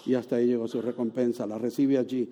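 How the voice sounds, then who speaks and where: A man preaching a sermon, telling a story with animated, sometimes loud exclamations and soft, hushed moments. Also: mid-range voice, fast talker. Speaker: pastor.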